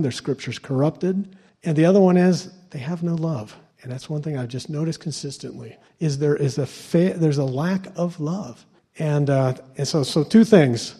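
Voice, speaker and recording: A man from Ohio, USA, preaches a sermon to a church congregation as a guest lay preacher. His voice is fairly high, warm and slightly rough, and he stumbles, repeats words and uses lots of fillers.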